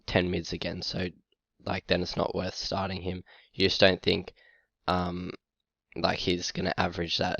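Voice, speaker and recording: A low-pitched man with a gravelly, creaky voice talks haltingly to camera, breathless and coughing now and then from being sick. His delivery is flat and monotone. The sound is dry and a bit dull, like a lo-fi home recording. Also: no echo. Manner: halting, many ums and uhs. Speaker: fantasy football YouTuber. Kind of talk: casual talk to camera.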